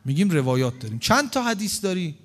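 High-voiced man preaching emphatically. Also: sing-song. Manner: emphatic, rhetorical questions, swings between loud and hushed. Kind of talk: religious sermon.

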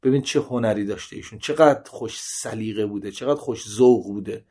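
A man giving a seminary lesson, reading Arabic narrations aloud and explaining each in conversational Persian, with sudden rises in pitch when he quotes. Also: breathy edge. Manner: reads Arabic passages then paraphrases in colloquial Persian; animated, with sharp rises in pitch when quoting. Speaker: religious teacher.

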